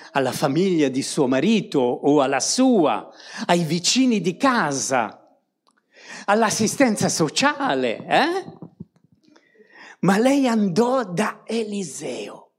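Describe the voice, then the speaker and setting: Woman, preacher, sermon, measured delivery, animated intonation, rhetorical questions. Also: fairly low pitch, breathy edge. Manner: tags rhetorical questions to the congregation.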